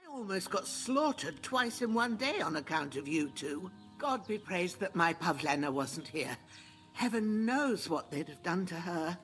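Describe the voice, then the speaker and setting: Old peasant woman, weary, indignant, rustic plain talk, lively pitch, video game, music behind. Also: a little slow. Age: older. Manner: plain-spoken, rustic, complaining.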